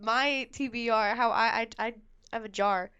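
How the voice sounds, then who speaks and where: A woman's voice: fairly high pitch, steady tone, normal speed, pushed and bright, clean tone, highs cut off. A woman co-hosting a book-review podcast, talking casually in a hesitant, rambling way with many fillers and giggles. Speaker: podcast co-host.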